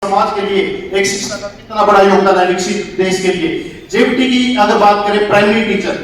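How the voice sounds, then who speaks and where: A man's voice: high-pitched, fairly even intonation, a little fast, fairly bright tone, recorded from a distance, slight background noise. A man speaking as a party spokesman in a heated political debate, mocking and combative toward his rivals. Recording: echoey hall, off-mic, crowd audible.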